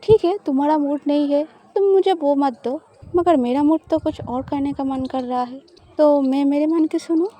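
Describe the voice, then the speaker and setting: A woman's voice: sits high, normal speed, warm tone, natural voice. A woman voicing a teasing, possessive young woman lover in an audio love story.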